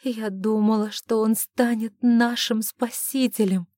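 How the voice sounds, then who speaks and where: A woman's voice: medium pitch, steady tone, moderate pace, mellow, no room sound, studio quality, close to an everyday voice. Woman reading as a frightened, pleading young woman. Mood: tearful whisper. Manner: pleading, tearful, whispering.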